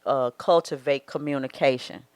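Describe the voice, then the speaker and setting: A woman's voice: very deep voice, moderate pace, darkish tone, no room sound. Earnest Southern woman in her forties. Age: 40s. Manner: earnest, advising, acts out quoted thoughts. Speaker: marriage coach. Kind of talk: casual faith-based podcast talk.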